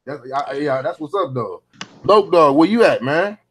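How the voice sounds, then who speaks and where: A man's voice: fairly high pitch, animated, moderate pace, crowd noise. A middle-aged man hosting a casual round table chat, talking in laid-back, profane street slang. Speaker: podcast host.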